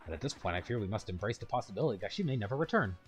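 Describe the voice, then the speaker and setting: A man's voice: fairly low pitch, very animated, racing, husky, soft background music. A man reading aloud as a fussy elderly male mushroom royal attendant in a video game, formal and old-fashioned.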